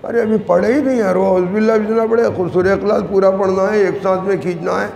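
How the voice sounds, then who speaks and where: A man's voice: sits high, fairly even intonation, quick pace, gravelly, a little mellow. A man teaching Quran recitation, correcting pronunciation and explaining breath control in an instructive manner. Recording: echoey hall with faint ambience.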